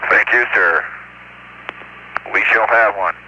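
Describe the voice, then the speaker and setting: An astronaut speaking over a crackly space-to-ground radio transmission, calm and clipped, pausing with fillers. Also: male voice, lowish voice. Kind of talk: mission radio communications. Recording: muffled archival radio link with hiss.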